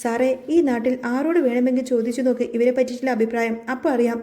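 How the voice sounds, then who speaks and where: Scheming middle-aged mother, scornful meddler; a woman reads it quick and high. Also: flat delivery, warm tone, close to an everyday voice.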